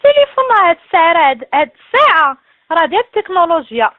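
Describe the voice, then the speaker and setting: A Moroccan woman talking over a landline phone, brisk and scolding, quick to lose patience. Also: extremely high pitch, big pitch swings, no echo. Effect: heard over a landline phone. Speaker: phone call recipient. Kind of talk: casual phone call. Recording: tinny dry phone line.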